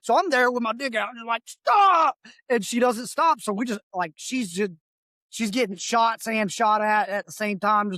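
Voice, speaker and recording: A man's voice: high voice, normal speed, bright, forceful tone, no echo. Casting: male veteran co-host, salty, joking, dry close recording. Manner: swearing, joking, laughs while telling. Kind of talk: casual chat.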